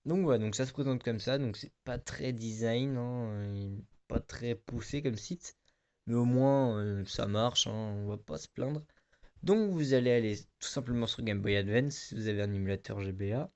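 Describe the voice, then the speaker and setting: A man talks through a casual screen-recording tutorial in a relaxed, rambling way. He often stops to hesitate and fills the gaps with small filler words. His voice sits at an ordinary middle pitch. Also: moderate pace, smooth. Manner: chatty, rambling, lots of "donc voilà" and hesitations. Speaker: tutorial video host.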